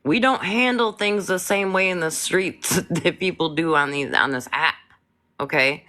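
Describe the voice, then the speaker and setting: A woman from Flint, Michigan, chatting live with blunt, heated talk. Her voice is bright and tense, and she swears freely. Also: on the low side, measured pace. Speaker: live stream host. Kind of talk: casual live chat.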